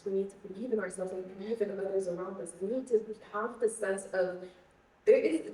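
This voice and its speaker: Recorded from a distant mic in an echoey hall, a young woman from Egypt speaks as a panel guest, earnest as she feels for words and often says things twice. Her voice is medium in pitch with a dark tone.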